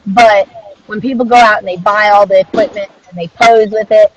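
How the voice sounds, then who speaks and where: A woman's voice: mid-range voice, fairly even intonation, moderate pace, slight background noise. A woman speaking as an interviewed dog trainer in a casual conversational style, earnest and reflective in an informal way. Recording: dull, muffled lo-fi audio.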